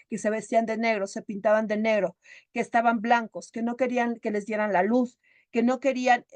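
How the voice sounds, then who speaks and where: Animated woman telling stories. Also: a little high, dry recording. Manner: chatty, animated storyteller. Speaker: emotional therapist and speaker. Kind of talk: storytelling talk.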